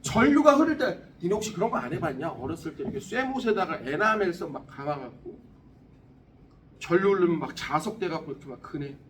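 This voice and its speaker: A man in his forties teaching a high school science class, blunt and teasing, swearing often. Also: big pitch swings, fairly quick. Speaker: science tutor. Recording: classroom recorded from a distance, faint room noise.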